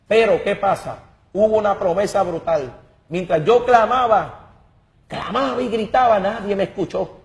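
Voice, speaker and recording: Fervent man, high voice. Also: a little mellow. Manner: emphatic and dramatic, repeats words while searching. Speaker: guest giving a testimony. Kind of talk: impassioned religious testimony.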